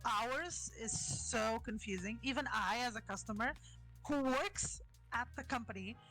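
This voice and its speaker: A woman co-hosting a podcast, chatting casually and complaining with animated exasperation about work. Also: fairly high pitch, a little slow, faint music behind, low-quality recording. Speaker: podcast co-host, customer service worker. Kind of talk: casual chat.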